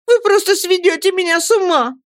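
A woman voicing a young widowed mother who is tearful and excitable, speaking in a shrill, pleading way in an audiobook. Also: slow pace, no room sound, clean studio sound. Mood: tearful, indignant. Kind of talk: audiobook character voice.

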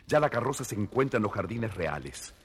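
On a vintage story record with music behind him, a male narrator tells a scripted fairy tale expressively for young listeners. His lowish, husky voice swings widely in pitch and moves a little fast.

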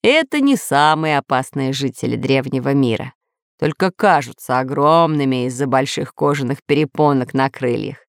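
A woman reading as an old, learned professor, lecturing with eager enthusiasm. Storybook voice, animated, in a dry, close room. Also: extremely low pitch, moderate pace, no room sound. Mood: explaining.

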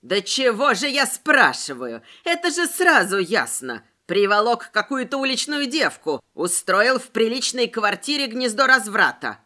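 A woman reading a storybook aloud, voicing a loud, bossy middle-aged neighbour woman who rants indignantly. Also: sing-song, normal speed. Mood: triumphant scolding. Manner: booming, indignant ranting.

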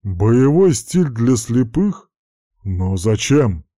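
A man voicing a huge, brutal, boastful male fighter in an audiobook, drawing out his lines in a slow snarl. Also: medium pitch, big pitch swings, dark tone, dry recording, studio quality. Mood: puzzled.

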